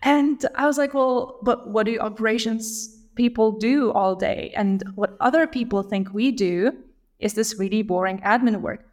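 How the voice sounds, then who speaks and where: A woman's voice: a little high, normal speed. A woman in her thirties from Lithuania, a guest on an interview show, talking thoughtfully about her path into her work. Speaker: guest, operations leader. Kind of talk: casual interview.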